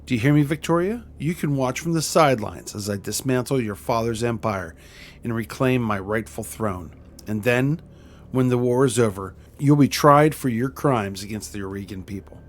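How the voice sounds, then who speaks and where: A man with a natural, mid-range voice plays a wronged, exiled queen in a video game. He speaks formally and gravely, sounding stern and resolute.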